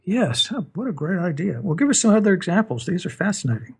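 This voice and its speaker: Man, interview host, encouraging, gravelly, very raspy. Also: high voice, very animated, darkish tone. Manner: encouraging, quick to affirm. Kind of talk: podcast interview.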